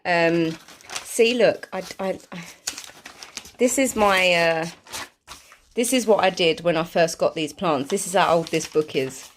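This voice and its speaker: A woman's voice: on the low side, measured pace, a little hiss or hum. A woman chatting casually through a home vlog, self-deprecating and full of fillers. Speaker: vlogger. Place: home, indoors.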